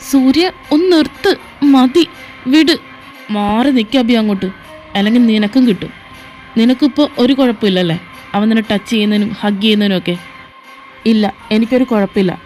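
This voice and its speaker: A woman's voice: mid-range voice, quick pace, long pauses, a little mellow. A woman voicing all the characters in a fan fiction audio drama, moving between arguing, teasing and pleading voices. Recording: faint background music.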